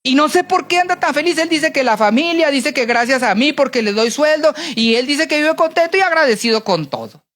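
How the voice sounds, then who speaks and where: A woman's voice: high voice, expressive, a little fast, fairly bright tone, voice pushed up. A woman voicing a bitter, wicked king who rants indignantly as she tells a story in a sermon. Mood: furious. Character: bitter, wicked old king, angry man.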